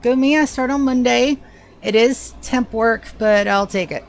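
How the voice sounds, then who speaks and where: While streaming a game, the woman chats casually in a fairly high-pitched, unhurried voice, greeting viewers by name. She has a Georgia accent and a slight lisp, and her talk is easygoing live gameplay commentary.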